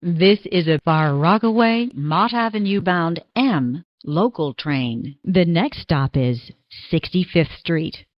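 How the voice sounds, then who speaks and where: A woman making formal, measured train station announcements, her recorded words spliced together one by one. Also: on the low side, animated, no echo. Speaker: transit announcer. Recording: dull lo-fi recording.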